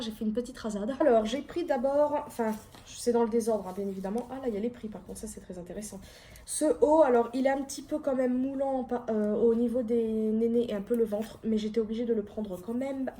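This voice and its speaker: A woman's voice: fairly high pitch, warm tone, a little hiss or hum. A young woman chatting casually at home in a rambling, self-deprecating way, showing her haul to camera. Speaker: vlogger.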